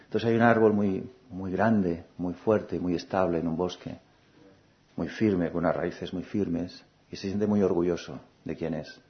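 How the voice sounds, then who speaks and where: A man giving a calm, reflective spiritual talk, repeating phrases and asking gentle questions. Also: low-pitched, unhurried. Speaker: spiritual teacher. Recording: dull lo-fi recording.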